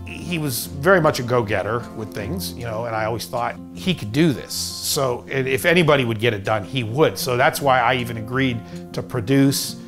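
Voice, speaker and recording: A man recalling his time producing a low-budget film in a relaxed, rambling interview. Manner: rambling, casual recollection with many fillers. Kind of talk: documentary interview.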